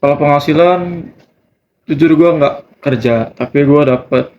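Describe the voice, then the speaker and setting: In a muffled, noisy lo-fi recording, a nineteen-year-old student answers questions casually and with slang during a group discussion interview. His voice runs on the high side at a normal speed.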